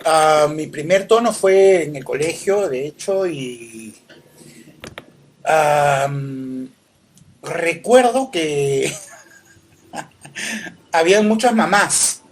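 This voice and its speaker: A man's voice: a little high, slight background noise. Middle-aged Peruvian man, podcast co-host, laid-back storyteller, filler-heavy. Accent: Peruvian Spanish. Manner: warm reminiscing, unhurried, many fillers. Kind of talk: casual chat.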